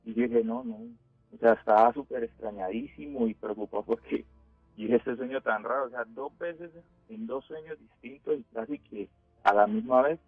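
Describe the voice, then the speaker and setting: A male caller whose voice comes through a thin, tinny phone line with a dry, close sound. He tells his scary story haltingly, with plenty of pauses and fillers. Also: medium pitch, no room sound, soft background music. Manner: hesitant, full of pauses and fillers. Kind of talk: telling a scary story on a call-in radio show.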